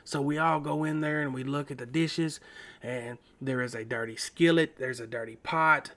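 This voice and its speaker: A man's voice: medium pitch, fairly even intonation, moderate pace, pushed and bright. A man earnestly retelling a frightening paranormal experience from his teenage years, dramatic and full of repetitions. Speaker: storyteller. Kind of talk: first-person paranormal story narration.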